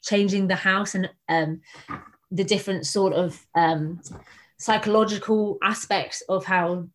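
A woman researcher answering audience questions on a video call, earnest and hesitant, filling pauses with many ums. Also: mid-range voice, steady tone. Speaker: guest speaker, researcher.

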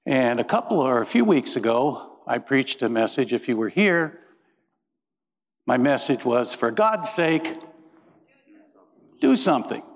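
In a church service, a middle-aged pastor from Indiana preaches with a folksy, joking style, weaving in stories. His voice is medium-pitched with big swings in pitch, unhurried and marked by long pauses. The sanctuary gives the recording heavy reverberation.

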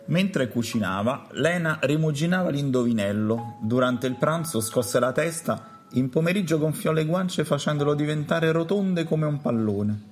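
A man narrating a children's story in a calm, storytelling way. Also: fairly high pitch, moderate pace, hardly any pauses, faint music behind.

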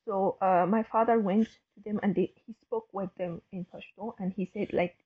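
A woman's voice: medium pitch, fairly even intonation, moderate pace, breathy edge, narrow, tinny audio. A woman, a guest telling her story hesitantly, with many fillers and restarts. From Afghanistan. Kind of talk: casual interview talk.

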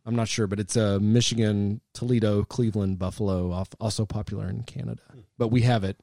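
Mellow-voiced man reading aloud. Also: on the low side, steady tone, brisk, vocal fry, no room sound. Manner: reads aloud at length, jokey. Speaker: podcast co-host. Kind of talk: casual podcast chat.

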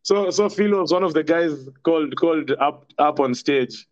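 The lo-fi, dry audio captures a young man's fairly high voice at normal speed. A Kenyan-accented podcast guest, he casually rambles through tales from his school days, often laughing and dropping in Swahili.

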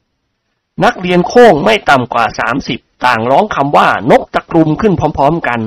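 A man reads a novel aloud with lively, expressive storytelling. His voice sits high and swings widely in pitch. The recording is close and dry. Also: quick pace, vocal fry, no room sound. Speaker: narrator. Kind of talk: audiobook storytelling.

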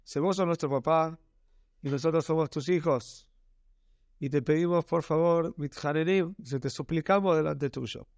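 A man's voice: on the high side, normal speed, vocal fry, darkish tone, no room sound, studio quality. A man with a Rioplatense Spanish accent voicing a mother of five who pleads earnestly in prayer. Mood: pleading.

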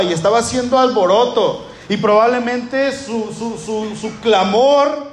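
High-voiced preacher in echoey hall. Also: male voice, slight background noise. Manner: impassioned, repetitive, building emphasis. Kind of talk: sermon.

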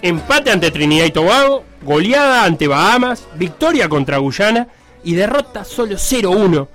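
A man's voice: high-pitched, normal speed, faint music behind. A man with a Rioplatense Spanish accent, co-hosting a comedic sports talk show in a playful, jokey way. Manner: playful, jokey, animated storytelling. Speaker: co-host.

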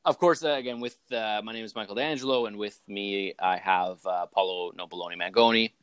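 A young man hosting a casual podcast, talking in a relaxed, rambling way with many fillers. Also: on the low side, brisk, clear, resonant tone, no room sound. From Canada. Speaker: podcast host. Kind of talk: casual chat.

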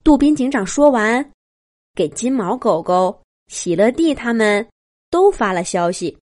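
A woman reading a children's story aloud in a gentle, expressive storytelling way. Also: a little high, measured pace, no room sound, clean studio sound. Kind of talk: bedtime story narration for children.

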